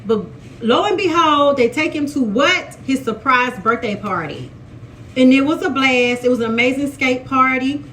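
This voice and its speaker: Southern woman with a Mississippi accent, chatty TV recapper, slightly high voice, faint hiss behind. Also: normal speed. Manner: chatty, animated, restarts a lot. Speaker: TV recap vlogger. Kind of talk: casual episode recap.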